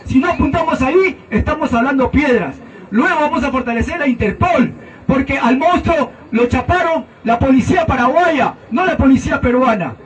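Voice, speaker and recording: A man's voice: very high voice, lively intonation, moderate pace, muffled recording, a little hiss or hum. A Peruvian man giving a fiery, mocking campaign debate speech as a senate candidate. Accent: Peruvian Spanish. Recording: distant outdoor recording.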